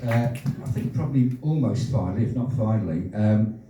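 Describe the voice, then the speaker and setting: A man in his sixties performing his own rhyming poems at an open-mic night, with halting, chatty asides between pieces and casual swearing. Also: on the low side, lively intonation, loud music behind the voice. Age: 60s. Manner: rhythmic rhyming delivery, hesitant rambling asides, swears. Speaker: performance poet. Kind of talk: live poetry reading with chatty asides. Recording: very echoey room, distant, faint noise.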